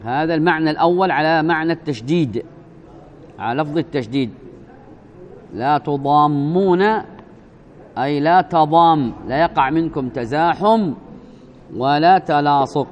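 A man giving a religious lesson, speaking deliberately, repeating words, spelling out pronunciations and asking the listeners rhetorical questions. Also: a little high, muffled recording, a little hiss or hum. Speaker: religious teacher. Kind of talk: religious lesson explaining a hadith.

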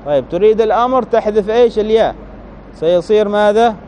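Slow and methodical, a man with a high, mellow voice explains Arabic grammar piece by piece, checking in with "right?" again and again. There's a little hiss or hum on the dull, lo-fi recording.

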